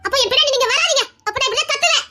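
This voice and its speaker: Woman voicing a fearful tearful young wife, very high pitch, sharp bright tone, audio drama. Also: racing, slight background noise, heavily acted. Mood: shouting.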